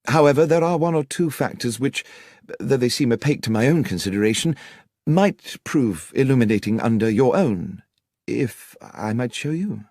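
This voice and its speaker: A male narrator voices an earnest young country vicar who is anxious, relieved, and always courteous, speaking articulately and at length with lively rises and falls. His mid-range voice moves at a normal pace. The audiobook dialogue is recorded close and dry, with no echo.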